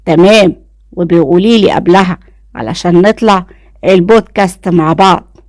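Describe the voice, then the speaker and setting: A woman's voice: on the low side, normal speed, no echo, clean studio sound, natural voice. A woman doing a cold, blunt Egyptian young man. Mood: cool. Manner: calm, curt and cold.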